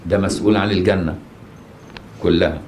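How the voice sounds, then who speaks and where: An Egyptian-accented man teaches a religious lesson in plain colloquial speech, pausing to ask his listeners questions and check they follow. His voice sits on the low side. The recording rings with the echo of a mosque, with faint noise underneath. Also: steady tone, a little mellow. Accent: Egyptian Arabic.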